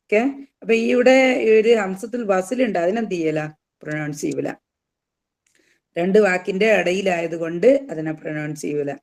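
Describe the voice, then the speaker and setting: A recitation teacher talks through each rule in a patient lesson. The voice sits at an ordinary middle pitch. Words get drawn out slowly and said twice, with English terms mixed in. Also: a little mellow. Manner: patient, slows right down to demonstrate each word. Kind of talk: tajweed lesson explaining recitation rules.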